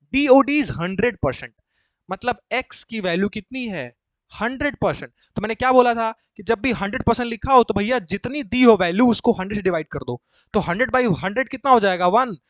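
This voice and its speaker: Chatty male chemistry teacher, high voice. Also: no room sound. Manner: chatty, coaxing, repeats and quizzes students. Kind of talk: live class explanation. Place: coaching classroom.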